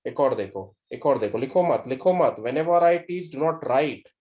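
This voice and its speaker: This Indian math teacher has a mid-range, darkish voice with lively intonation and a slow pace. He keeps firing short questions at the class and blends English into his Hindi, captured on a muffled recording.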